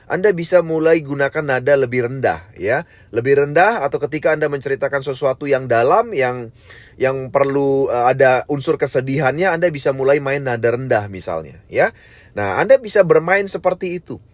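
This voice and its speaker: A network marketing trainer leads an online sales training lecture, deliberately swinging between high and low pitch and fast and slow speech. He often ends sentences with the tag "ya" and addresses listeners as "sahabat sekalian". The recording is dry.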